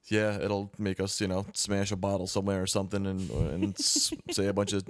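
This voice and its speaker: Low-voiced guy co-hosting a podcast, calm and measured, dry close sound. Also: no echo. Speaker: podcast co-host. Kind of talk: casual chat.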